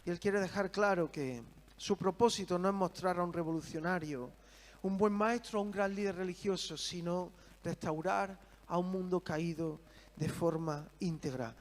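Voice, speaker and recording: Earnest high-voiced preacher man. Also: steady tone, moderate pace. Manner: earnest, asks listeners rhetorical questions. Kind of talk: sermon.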